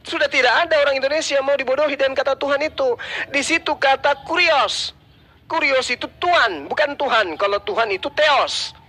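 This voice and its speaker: A man with a very high, bright, sharp voice delivers a forceful rebuttal in a debate. He lectures his opponent in a dismissive tone.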